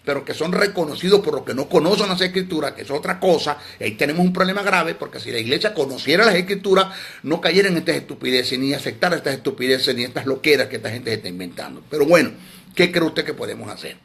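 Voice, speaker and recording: Enfático maestro de teología, voz aguda. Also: male voice, on the high side, lively intonation, quick pace, creaky, a bit bright. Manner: emphatic, scolding, repeats words. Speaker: theology teacher. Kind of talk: teaching sermon.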